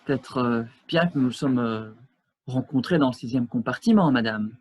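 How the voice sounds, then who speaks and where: A man playing a stiff, husky English gentleman. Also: mid-range voice, close to an everyday voice, low-quality recording. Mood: formal. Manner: halting, ceremonious, repeats polite address. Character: stiffly polite English gentleman, puzzled and formal. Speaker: amateur actor. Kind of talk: absurdist stage dialogue. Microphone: video call.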